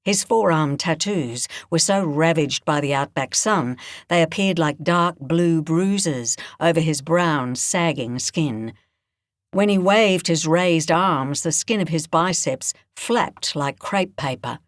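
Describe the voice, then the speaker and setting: A woman narrating a thriller audiobook in a measured, expressive way. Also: deep voice, dry recording, clean studio sound. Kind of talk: scripted narration.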